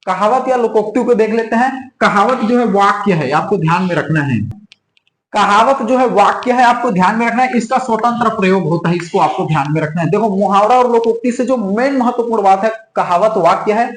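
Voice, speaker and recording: A man's voice: high voice, brisk, reverberant, poor audio. A man teaching an online exam-prep class, repeating key points over and over and checking in constantly with the students. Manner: repetitive, drills points with frequent "theek hai".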